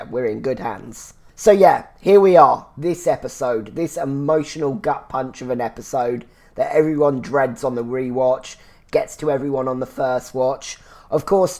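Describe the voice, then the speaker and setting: On his solo show, a podcast host casually reviews a TV series in a rambling, chatty way, full of "so yeah" restarts. He has a mid-range, slightly mellow voice that sounds a bit congested and phlegmy.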